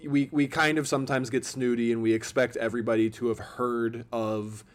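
A man's voice: mid-range voice, flat delivery, brisk. A man in his twenties hosting a podcast, talking casually and reflectively, rambling with lots of filler words. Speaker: podcast host.

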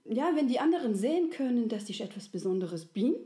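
A woman's voice: a little high, sing-song, brisk, dark tone, pitched above the performer's own voice. A woman voicing a small, curious, childlike soul who pleads and wonders, with French exclamations. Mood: wistful. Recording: roomy echo.

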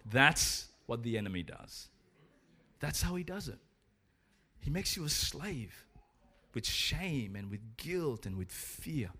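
A man's voice: medium pitch, big pitch swings, takes it slowly, pauses often, pushed and bright. A man preaching a sermon in an earnest, urging way, telling a story along the way.

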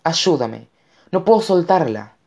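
A man voicing a frightened, desperate boy who shouts in anguish for his mother. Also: fairly high pitch, big pitch swings, extremely slow, creaky, pitched above the performer's own voice, exaggerated voice.

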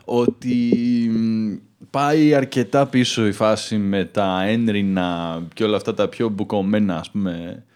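Man, podcast host, low voice, casual chat, slow hesitant delivery. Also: a little mellow. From USA, raised in Athens from age seven.

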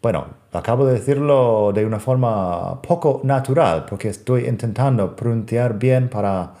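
Man, podcast English lesson, native English speaker, repeats words to model them, mellow tone. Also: mid-range voice, moderate pace. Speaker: English pronunciation teacher.

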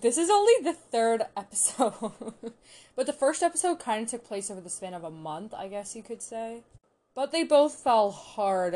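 A young woman chats casually in a reaction vlog, gushing and excitable and full of filler words. Her pitch sits in an ordinary middle range. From Canada. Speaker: vlogger reacting to a TV series.

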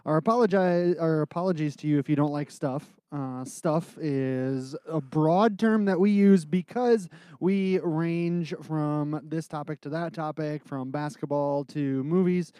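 Nasal, animated man co-hosting a podcast. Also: a little slow, clear, resonant tone, dry recording, studio quality. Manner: animated, swings his pitch up and down. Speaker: podcast co-host and pastor. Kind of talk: casual podcast chat.

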